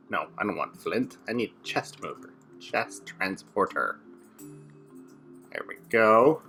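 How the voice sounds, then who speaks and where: Co-hosting a modded game, a young man builds alongside a friend and narrates each step aloud in rapid, casual commentary. His voice is fairly low in pitch, bright, and forceful.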